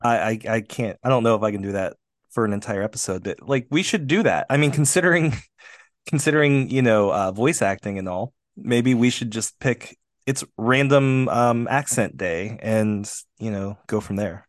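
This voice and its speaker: A man's voice: on the low side, normal speed, no echo, studio quality. A man co-hosting a podcast, chatting casually in a rambling, self-deprecating way, often laughing. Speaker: podcast co-host. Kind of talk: casual chat.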